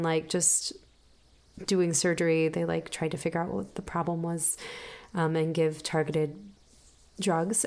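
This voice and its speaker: A woman chatting casually about her own life in a halting, thinking-aloud way, with mouse clicks behind her. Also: medium pitch, a little mellow. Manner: halting, thinking aloud with frequent "like" and trailing restarts. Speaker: hamster owner and podcast or vlog host. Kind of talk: casual personal chat, rambling.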